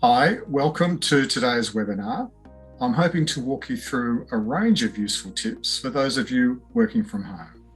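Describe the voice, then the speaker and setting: A man calmly reading a webinar welcome, heard with the tinny, thin sound of a built-in laptop microphone. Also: mid-range voice, moderate pace, breathy edge, soft background music. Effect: tinny, thin sound from a built-in laptop mic. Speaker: tutorial presenter. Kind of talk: scripted webinar-style demo reading. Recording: tinny lo-fi laptop mic, slightly distant.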